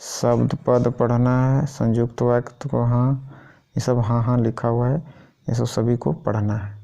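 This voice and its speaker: A man's voice: medium pitch, flat delivery, unhurried, gravelly, dark tone. A man going through a school syllabus item by item in an informal teaching style, often checking in with the listener. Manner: keeps repeating "thik hai" as a check-in.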